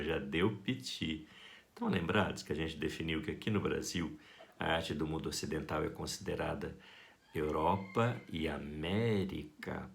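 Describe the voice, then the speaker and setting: A Brazilian man giving a school art lesson, talking to his students in a playful, affectionate and expressive way. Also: sits low, vocal fry. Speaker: art teacher.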